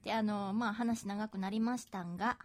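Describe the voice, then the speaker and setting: A woman's voice: mid-range voice, moderate pace, crowd noise. A woman in her thirties with a Kansai accent, chatting casually as a podcast host. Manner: chatty, giggly, animated. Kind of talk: casual chat.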